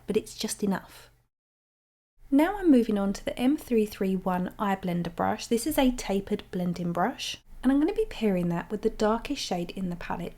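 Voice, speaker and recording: Female makeup tutorial host, mid-pitched, slightly croaky and under the weather, instructing step by step. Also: dark tone.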